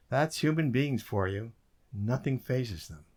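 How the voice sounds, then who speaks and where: A man with a mid-range, darkish voice speaks slowly with lively intonation, portraying a weary government code breaker who wryly reflects on his story. It's a community theater radio drama with narration and dialogue, its mood wry and resigned. Audio comes from a distant, roomy stage setup with noise.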